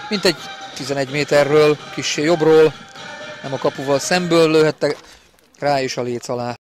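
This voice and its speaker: An excited male football commentator with a fairly high-pitched voice. He follows play in live sports commentary style, openly backing the home side and building toward big goal calls. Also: faint music behind.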